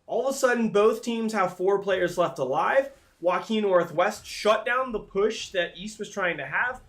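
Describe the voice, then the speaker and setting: High-voiced excitable male esports play-by-play announcer. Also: measured pace. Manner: excitable announcer-style calls that swell at big plays. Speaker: esports commentator, play-by-play caller. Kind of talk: live video game match commentary.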